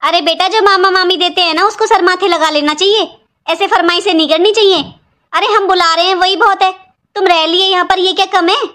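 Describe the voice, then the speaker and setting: A woman playing a sharp-tongued maternal aunt who scolds her niece in a family drama. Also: very high voice, steady tone, fairly quick. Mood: scolding. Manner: scolding, taunting.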